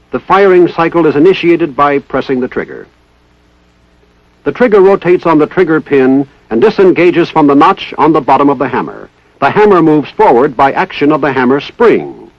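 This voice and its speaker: This American male narrator speaks on the high side with big swings in pitch and a moderate pace, delivering formal, step-by-step instructions in the manner of a 1960s military training film. Every word is precisely and methodically enunciated. There's no echo, and the sound is a dull lo-fi 1960s film soundtrack.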